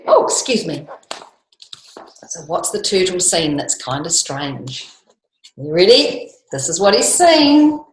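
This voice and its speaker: Slow and lowish-voiced, this Kiwi teacher guides children through a picture book at storytime, keeping things playful and lively with plenty of questions and frequent chuckles. The sound is roomy and echoey, like a home recording.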